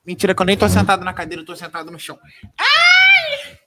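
A man's voice: sits high, steady tone, very fast, very noisy. Rambling, profane Brazilian man. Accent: Brazilian Portuguese. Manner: rambling, profane storyteller who shouts sound effects. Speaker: podcast co-host. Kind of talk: comic movie recap.

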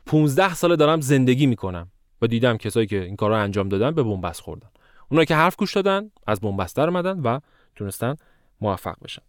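A man teaching an IELTS video lesson in a casual, lively way, mimicking and mocking common misconceptions. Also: medium pitch, no room sound, clean studio sound.

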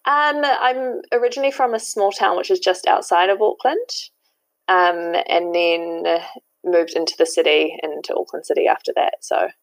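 Low gravelly New woman. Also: fairly even intonation, moderate pace, dry recording, rough recording. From New Zealand. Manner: chatty, laughs often, many ums. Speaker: guest. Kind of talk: casual interview chat.

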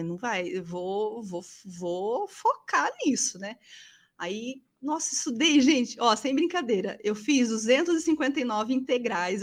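A woman in her forties with a Brazilian Portuguese accent, a professor telling stories from her student days in a chatty, animated way. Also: high voice. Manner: animated, chatty, constant tag questions. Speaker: university professor and guest. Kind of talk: casual storytelling in a conversation.

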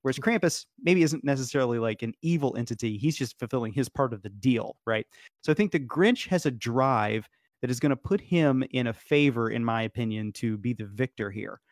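A man's voice: medium pitch, animated, fairly quick, no room sound. Rambling man with a dry sound. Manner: rambling, many fillers and restarts, laughs often. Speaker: podcast guest. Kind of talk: casual debate chat.

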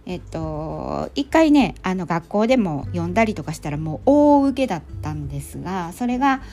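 A middle-aged woman with a Kansai accent chatting casually through a monologue recap, with plenty of fillers and relaxed phrasing. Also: fairly low pitch, normal speed. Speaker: storytelling volunteer and podcast host.

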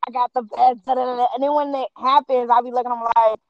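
Casting: woman from Cincinnati, a bit high, frank and laughing, dry dull recording. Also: flat delivery, quick pace, dry recording. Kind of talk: casual profane chat.

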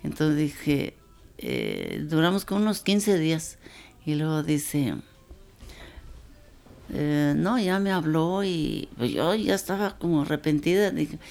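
An elderly woman tells family stories in a relaxed, chatty way. Her voice is low and gravelly. She slips into the voices of the people she quotes. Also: takes it slowly. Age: 80s. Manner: lively storyteller, quotes people in dialogue, chuckles often. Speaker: grandmother telling her life story. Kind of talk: casual storytelling.

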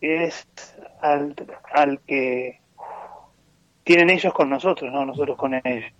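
A man's voice: medium pitch, a bit bright, dry recording. A man with a Rioplatense Spanish accent who talks reflectively from a remote connection that keeps cutting out. His phrases break off and restart. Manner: halting, hesitant, words cut off mid-phrase. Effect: remote line breaking up and cutting out. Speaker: remote panelist on a talk show. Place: remote call, not in the studio. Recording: muffled, dry breaking-up remote line.

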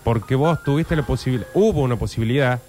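A man's voice: mid-range voice, fast talker, a little mellow. A man with an Argentine accent co-hosting a radio show, teasing his co-hosts in casual banter. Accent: Argentine Spanish. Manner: teasing, mock-indignant.

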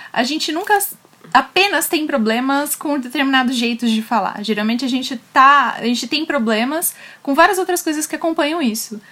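A woman's voice: sits high, fairly bright tone. A woman with a Brazilian accent giving an explanatory academic talk. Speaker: panel speaker on linguistics.

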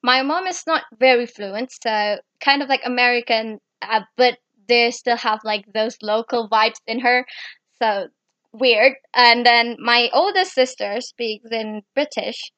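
Here a teenage girl, a native Indonesian speaker, hosts a casual podcast chat, frequently stuttering and starting over. Her fairly high voice sounds pushed and bright, her pace is unhurried, and the recording is dry.

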